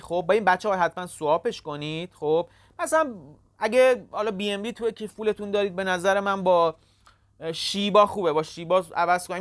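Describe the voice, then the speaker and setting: A host giving a casual step-by-step screen walkthrough, halting often with filler sounds and addressing viewers as kids and friends. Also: mid-range voice, no echo. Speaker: crypto tutorial channel host.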